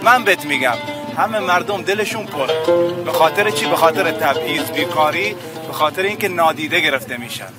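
A man's voice: on the high side, expressive, over loud music. A man, a local resident, speaking with frustration and emphasis.

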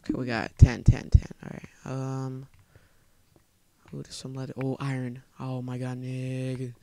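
A man's voice: medium pitch, completely flat delivery, unhurried, background noise. A young man swearing his way through a let's play, jumpy and panicky, talking to himself as he plays. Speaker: gamer.

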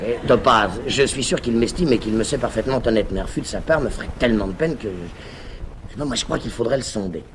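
A man's voice: medium pitch, fast, noisy background, close to an everyday voice. A man voicing a shy, naive young male schoolteacher in love, speaking hesitantly with stammers in a live radio reading of a play. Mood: fretful.

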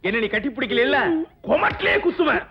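A man's voice: very high voice, big pitch swings, fast, breathy edge, heavily acted. A cheeky jealous comic man. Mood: teasing. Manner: teasing, threatening jokingly. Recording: dull lo-fi film soundtrack.

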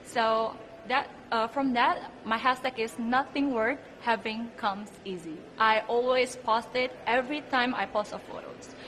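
Speaking a little slowly with hardly any pauses, a woman in her twenties answers interview questions earnestly and emphatically in non-native English, her Indonesian accent evident. Her fairly high, fairly bright voice stays fairly even in intonation. She's a pageant contestant at an indoor press backdrop, and the room noise is clearly audible.

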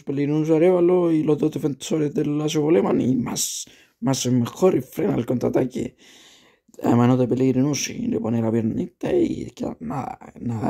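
A man's voice: mid-range voice, vocal fry, warm tone. A man commentating on a football video game, going through plays and figures and often repeating words.

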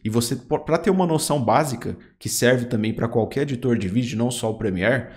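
A man with a Brazilian Portuguese accent hosting a software tutorial, chatting straight to the viewer and pointing out each step. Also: medium pitch, a little fast. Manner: chatty, addresses viewer directly, pointing things out. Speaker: YouTube tutorial host. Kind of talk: screen-recorded software tutorial.

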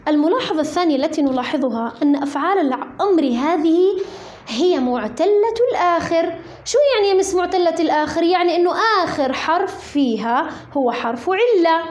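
High-voiced Levantine woman teaching grammar. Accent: Levantine Arabic. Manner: asks the class questions and answers them herself; dictates slowly, word by word, as she writes. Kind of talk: recorded classroom grammar lesson. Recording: echoey roomy recording.

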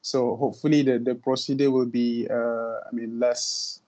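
A man's voice: mid-range voice, little pitch movement, normal speed, a little mellow. A man leading online class introductions as course instructor, speaking hesitantly with many fillers and restarts over a video call.

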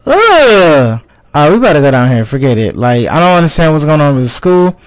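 A man playing a horror game and reacting out loud, jumpy and exclaiming as he talks to himself. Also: a little high, fast talker, no echo. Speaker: gaming video host. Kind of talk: let's play commentary on a horror game.

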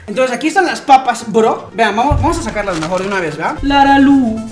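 A young man from Peru chatting playfully to camera in a home vlog, joking around and bursting into excited shouts. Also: very high-pitched, fast. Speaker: vlogger. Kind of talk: casual chat to camera. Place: a house, indoors. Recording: roomy indoor sound with background music.

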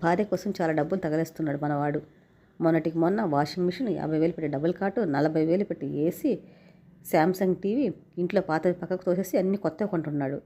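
A woman's voice: low-pitched, fast talker, dark tone. A woman reading the lines of a resentful younger brother who scorns women, in a narrated story. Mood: sneering. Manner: sneering, grudging.

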